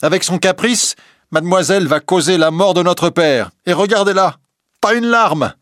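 A man voicing two spiteful, jealous young sisters in a storybook, shrill and scolding. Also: moderate pace, a bit bright, no room sound, clean studio sound.

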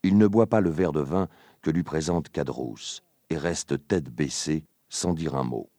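A man narrating a story in a calm, measured manner. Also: rumbling low, no echo. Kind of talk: scripted audiobook narration.

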